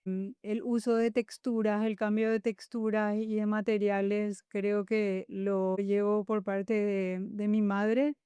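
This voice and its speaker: A woman's voice: medium pitch, flat delivery, takes it slowly, smooth, no room sound. A middle-aged woman from Paraguay, answering interview questions in a reflective, hesitant way. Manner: warm, reflective, frequent hesitations. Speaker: guest architect.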